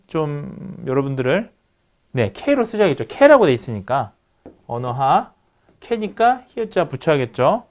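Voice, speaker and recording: A man's voice: high-pitched, smooth. A man lecturing on phonetics, asking his students questions and answering them himself as he works through examples. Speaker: university lecturer.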